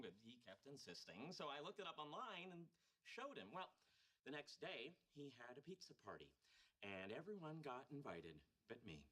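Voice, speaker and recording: An actor playing a wisecracking male engineer who tells gossip in a sarcastic, animated way. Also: fairly high pitch, full character voice. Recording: noisy sitcom audio played back.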